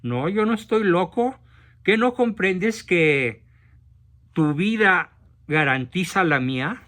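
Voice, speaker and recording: A man's voice: high-pitched, expressive, slow, a bit bright, pitched above the performer's own voice, exaggerated voice. A man voicing a sly male scorpion in a spoken fable, sweet and seductive in manner. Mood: coaxing.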